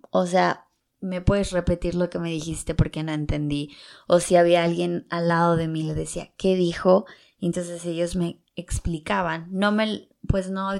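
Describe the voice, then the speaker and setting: A woman's voice: lowish voice, gravelly. A young woman from Latin America gives earnest, encouraging advice in a casual vlog, telling stories from her own experience. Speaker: vlogger giving tips for learning English.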